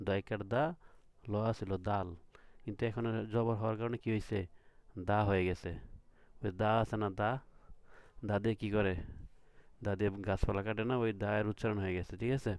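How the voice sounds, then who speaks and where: A man's voice: fairly low pitch, level tone, brisk, pauses often, a little mellow, smooth, no room sound. A man teaching letter sounds to beginners, patiently repeating each sound and checking with questions. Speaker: Quran reading teacher. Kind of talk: recorded lesson.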